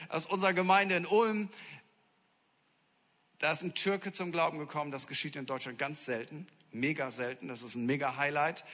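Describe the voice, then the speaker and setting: A man preaching a sermon as a pastor, telling stories in a lively, humorous way with acted-out quotes. He moves between hushed asides and sudden loud exclamations. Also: fairly high pitch. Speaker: senior pastor. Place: church hall. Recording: long reverb of a large hall.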